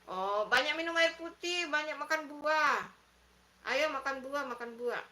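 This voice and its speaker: A woman's voice: high-pitched, unhurried, sharp tone. A middle-aged woman with an Indonesian accent, hosting a casual live stream and chatting in a motherly way as she reads viewers' comments. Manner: motherly, chatty, repeats herself while reading comments. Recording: echoey room.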